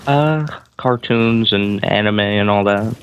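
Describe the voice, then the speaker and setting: A man with a lowish voice gives short, hesitant answers. His audio comes through a dull, lo-fi voice-chat line. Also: slow, slight background noise. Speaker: guest on a stream.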